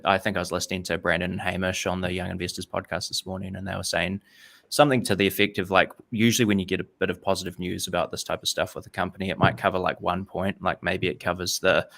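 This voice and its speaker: A man co-hosting a casual investing podcast, relaxed and leaning on "like" as he talks. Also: deep voice, creaky. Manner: relaxed, filler-heavy with "like". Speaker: podcast co-host.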